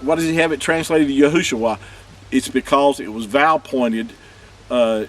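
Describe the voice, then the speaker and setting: A man teaching an evening Bible lesson on Hebrew word roots. He explains methodically, points at letters on screen and repeats his key points for emphasis. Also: medium pitch. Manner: stresses points with repetition. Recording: voice picked up from a distance.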